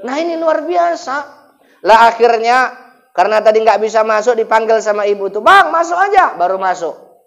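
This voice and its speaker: A male preacher with a lilt delivers a humorous sermon at a mosque gathering. He keeps the telling lively and animated, turning to the men in the hall again and again. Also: high-pitched, normal speed. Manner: lively, animated, often addresses listeners as "Pak". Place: mosque gathering after dawn prayer.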